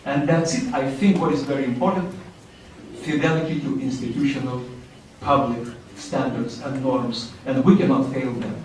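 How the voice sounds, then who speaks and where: A man's voice: medium pitch, fairly even intonation, normal speed. A man with a Central European accent speaking emphatically and formally as a panelist in a public discussion. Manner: emphatic, rhetorical, formal phrasing. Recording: very echoey room, distant mic, faint noise.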